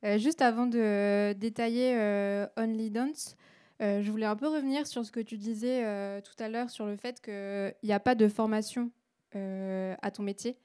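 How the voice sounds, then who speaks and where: A woman with a soft, mellow voice and a smooth, clean tone. She puts questions in an informal, conversational way, as an interviewer at medium pitch. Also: fairly even intonation, normal speed.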